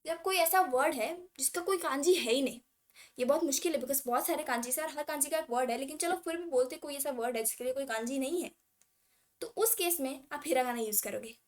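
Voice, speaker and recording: A woman from India teaching a casual language lesson, mixing English words into her talk and reading syllable charts aloud slowly. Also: high voice.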